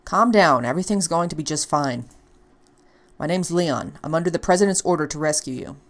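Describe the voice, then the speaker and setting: A calm, steady male agent from a fan visual novel, as a woman reads his lines aloud. He speaks in a level, businesslike way, a touch lower and louder than the rest of the reading, and never rushes. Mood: reassuring.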